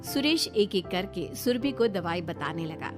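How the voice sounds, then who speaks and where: A woman narrating a family story in a plain, even storytelling manner. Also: lowish voice, unhurried, music in the background.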